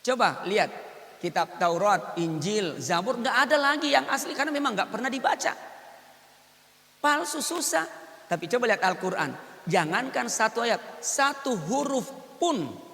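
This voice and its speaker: Middle-aged guy giving a quran study talk, high voice, jokey, asks the crowd stuff, big reverby hall. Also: sharp tone. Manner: chatty, jokes and quizzes the audience. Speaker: Islamic preacher.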